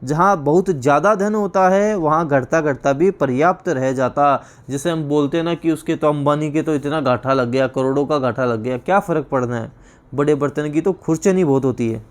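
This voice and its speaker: Male tutor, fairly high voice, drawn-out spelling, trails off low at ends of points; exam-prep lecture. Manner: explains slowly, spells words out and repeats them. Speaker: teacher.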